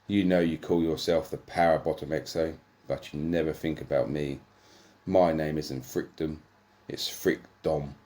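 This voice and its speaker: A man putting on a brash, showy swordsman who taunts his rivals in a loud, cocky voice. Underneath it stays low and relaxed, read as a comic storybook character. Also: unhurried. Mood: taunting.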